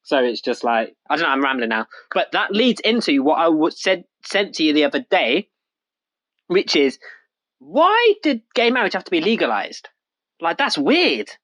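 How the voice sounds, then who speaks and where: Low voiced woman on a podcast, slangy, swings her pitch a lot. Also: moderate pace, poor audio. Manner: slangy, animated, says "bruv" a lot. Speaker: podcast co-host. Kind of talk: casual chat.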